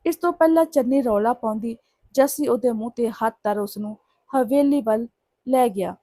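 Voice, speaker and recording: Warm-voiced woman reading a story. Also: a little high, normal speed, dry recording, clean studio sound. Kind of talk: scripted audio story narration.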